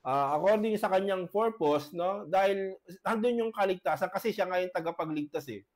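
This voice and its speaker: A high-pitched man, a pastor, lays out his case in an online debate in a halting way, tagging his points with questions. He has a cough and keeps clearing his throat, heard through a video-call mic. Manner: halting, many tag questions. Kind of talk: debate presentation.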